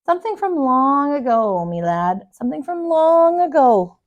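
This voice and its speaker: Storybook role: kindly old neighbour, high-pitched, slow emphatic wisdom for a child acted by a woman. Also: big pitch swings, narrow, tinny audio. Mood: kindly, wise.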